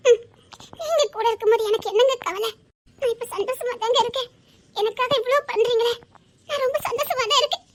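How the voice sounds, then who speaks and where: Very high-voiced young bride, a woman acting. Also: fairly quick, pauses often. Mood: tender. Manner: very high, emotional delivery. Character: young bride, tearful and hopeful. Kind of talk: Tamil web-series drama acting.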